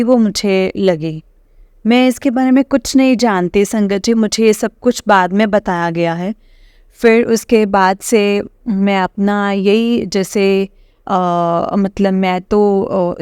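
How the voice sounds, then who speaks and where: A woman's voice: mid-range voice, darkish tone, clear, resonant tone, dry recording. Middle-aged woman, devotee giving testimony; hesitant, stop-start delivery; dry, close recording. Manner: hesitant, halting, addresses listeners as congregation.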